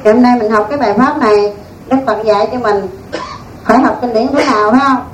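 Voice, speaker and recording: A woman's voice: on the high side, fast. A woman, a Buddhist nun giving a dharma talk in a folksy, storytelling way. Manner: folksy, animated storytelling with laughs. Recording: echoey room, distant mic, faint noise.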